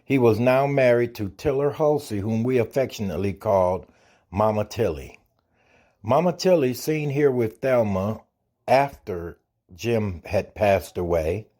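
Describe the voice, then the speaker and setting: A man giving calm, measured scripted narration for a family history. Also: mid-range voice.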